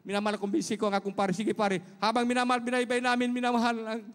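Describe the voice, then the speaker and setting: A man's voice: very high-pitched, monotone, rapid-fire, a bit bright, clean tone, in a large hall. A middle-aged man from Surigao, Philippines, giving an emotional church testimony, earnestly addressing listeners as beloved. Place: large church hall.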